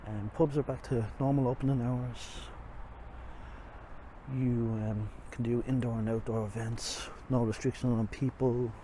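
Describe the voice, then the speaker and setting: Irish man, medium pitch, speaking through a face mask, rambling casual tour vlog, outdoor recording, noticeable traffic noise. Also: fairly even intonation, measured pace, dark tone. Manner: rambling, self-deprecating. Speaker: walking tour vlogger. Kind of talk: casual walking tour commentary. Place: outdoors on city streets by a river. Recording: noisy outdoor street, traffic ambience. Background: street and vehicle noise.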